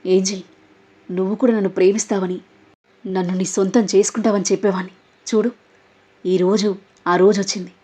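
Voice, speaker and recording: A woman's voice: mid-range voice, little pitch movement, brisk, long pauses, warm tone, lightly acted. A woman voicing an obsessive, hot-tempered young man who talks intensely and demands. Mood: possessive. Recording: dull lo-fi audio.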